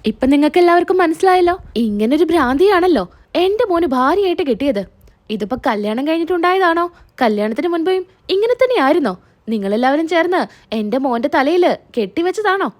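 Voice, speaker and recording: Scheming mother-in-law who keeps scolding, read by a woman, high and lively. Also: a little fast. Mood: accusing. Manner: accusing, scolding.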